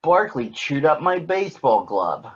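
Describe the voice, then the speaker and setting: A man voicing a big, friendly, childlike young bird who is excitable and easily upset, in a children's storybook reading. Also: a little high, measured pace, breathy edge, highs cut off, pitched above the performer's own voice, full character voice. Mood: upset, yelling. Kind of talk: children's storybook read-aloud.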